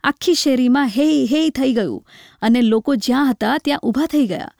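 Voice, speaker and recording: A woman narrating a literary short story in a measured, reflective way. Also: high voice, gravelly, a little mellow, no echo, studio quality.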